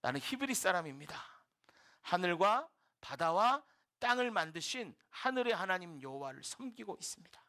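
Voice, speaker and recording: Preacher doing a reluctant prophet thinking out loud, high bright voice. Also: male voice, expressive, fairly quick. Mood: calm. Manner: musing, talking to himself. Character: reluctant male prophet, inwardly grumbling.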